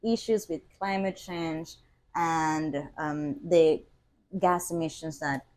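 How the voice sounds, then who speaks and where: Earnest young woman, fairly low voice. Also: steady tone, slow, a little mellow. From Venezuela. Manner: earnest, laughs often, searches for words. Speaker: podcast guest, PhD student. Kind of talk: casual interview chat.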